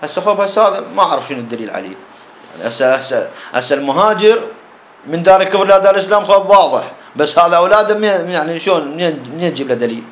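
Brisk Iraqi teacher, higher-pitched male voice, lectures with rhetorical questions, roomy echo. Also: expressive. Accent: Iraqi Arabic. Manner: explains line by line, asks and answers his own questions. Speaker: teacher of Islamic jurisprudence. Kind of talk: classroom lecture explaining a text.

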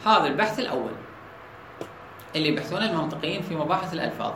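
A man with an Iraqi Arabic accent teaching a logic lesson, often asking his students whether the point is clear. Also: on the high side, sing-song, rapid-fire, bright, forceful tone, a little hiss or hum. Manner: asks students checking questions. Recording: echoey room with faint ambience.

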